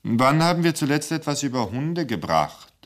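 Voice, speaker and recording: A man reading aloud and voicing a soft-spoken, domineering male radio director. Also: mid-range voice, very animated, moderate pace, voice pushed up, close to an everyday voice.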